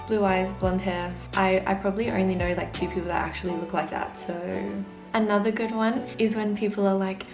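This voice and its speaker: A woman's voice: medium pitch, fairly even intonation, brisk. A young woman with a posh Australian accent, chatting in an exasperated, comedic vlog rant and mimicking what others say. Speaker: vlogger. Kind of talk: casual comedic rant to camera. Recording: roomy echo with clear background music. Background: music.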